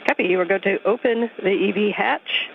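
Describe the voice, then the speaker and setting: A woman's voice: mid-range voice, fairly quick, creaky. Woman's voice over a crackly radio communicator. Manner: clipped, checklist-like instructions. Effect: radio communicator loop. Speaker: ground controller talking to spacewalkers. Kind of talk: procedural radio calls. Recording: tinny distant radio link.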